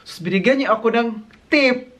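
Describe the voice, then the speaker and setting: A man's voice: extremely high pitch, brisk, a bit bright. Filipino guy vlogging from his hotel job, chatty, acts out the guests' lines, phone mic. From Philippines. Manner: chatty, mixes English into Tagalog, acts out quotes. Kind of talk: casual vlog chat. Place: hotel, indoors.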